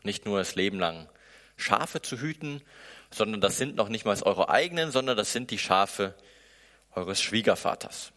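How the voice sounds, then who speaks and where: A man's voice: on the low side, animated, normal speed, bright, forceful tone. A male preacher delivering a sermon, talking to his listeners plainly and conversationally. He often acts out the inner thoughts of the people in his story. His voice carries a long reverb from a large hall.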